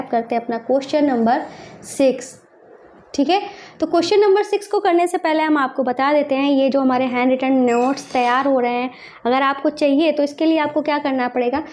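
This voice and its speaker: Female math teacher, warm mellow tone, patient self-questioning delivery, slow digit-by-digit dictation. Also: high voice, slight background noise. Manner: asks and answers her own questions. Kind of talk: step-by-step math lesson.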